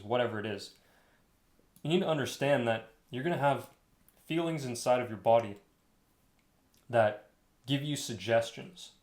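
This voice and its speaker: A man's voice: fairly low pitch, a little mellow. A young man telling a rambling story, full of fillers, as he coaches listeners on running an agency. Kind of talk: casual advice monologue. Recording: echoey room.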